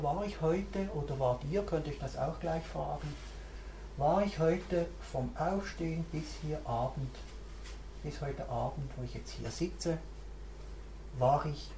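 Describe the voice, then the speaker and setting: A woman mindfulness teacher gives a reflective, searching talk to a group, thinking aloud as she goes. Her voice is low-pitched and warm. The recording sounds roomy, with faint background hiss.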